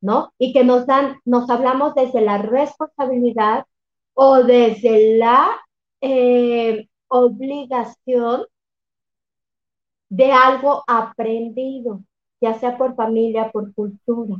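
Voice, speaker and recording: A high-pitched woman talks reflectively and with emphasis, often affirming what she hears. Her voice carries a roomy echo, and the recording sounds somewhat dull and lo-fi. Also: steady tone, slow. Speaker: workshop facilitator and coach. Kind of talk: casual conversation.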